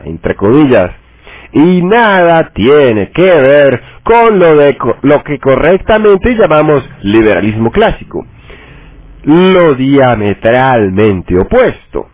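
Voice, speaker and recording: A man reads a text aloud at a slow, deliberate pace, and he says each quotation mark out loud. His voice is a little high and moves a lot in pitch. The sound is dry and narrow, like a phone line. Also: no room sound. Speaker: reader.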